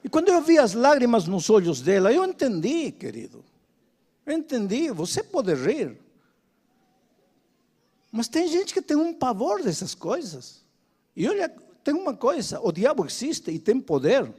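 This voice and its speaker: An older male preacher delivers a sermon in a strikingly high voice that rises and falls a great deal. He hammers home repeated phrases and tells his story with drama. His voice carries the long reverb of a large hall. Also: huge pitch swings, unhurried, long pauses, darkish tone, slightly rough.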